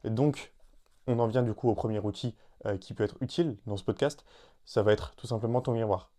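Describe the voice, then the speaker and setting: Male podcast host, hesitant and informal, warm low-key timbre. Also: fairly quick. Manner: hesitant, many fillers and restarts; addresses listener informally. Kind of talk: solo podcast talk.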